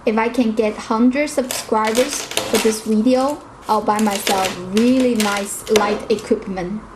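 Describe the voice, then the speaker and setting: A woman's voice: a little high, fairly even intonation, unhurried, background noise. A woman giving a casual cooking tutorial in her home kitchen, chatty and direct, with slightly non-native phrasing. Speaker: cooking vlogger.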